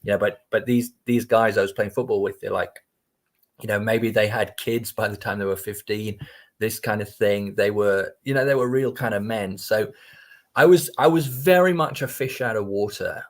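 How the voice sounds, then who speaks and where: A man's voice: fairly low pitch, moderate pace. An English man as a podcast guest, talking reflectively and hesitantly, often restarting his sentences. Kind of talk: casual interview chat.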